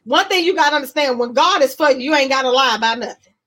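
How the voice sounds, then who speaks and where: A woman gives an emotional personal testimony. She tells it in an animated way, acting out what each person said along the way. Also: sits high, fast. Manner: animated storytelling, acting out both sides of conversations. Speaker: guest sharing testimony.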